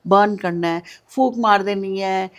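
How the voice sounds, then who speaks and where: Woman, podcast guest, patient instructive explanation, repeats key words, medium pitch. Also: fairly even intonation, unhurried. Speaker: guest, switch-word remedy expert.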